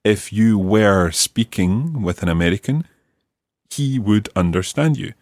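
Here a podcast host and teacher covers grammar in a language lesson, his delivery slow, patient, encouraging and lively in intonation. He has a lowish voice, and the studio sound is clean with no echo.

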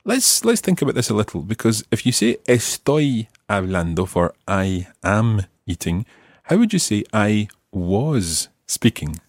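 A man who teaches and hosts a language lesson podcast explains grammar patiently and encouragingly, with lively intonation. His voice is fairly low and slow, recorded with clean studio sound and no echo.

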